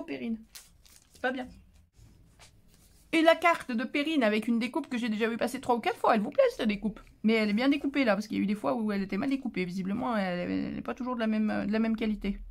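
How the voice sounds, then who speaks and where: A tired woman hosting a casual craft chat, playful and self-mocking as she opens mail. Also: a little high. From France. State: tired, voice going. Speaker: craft channel host.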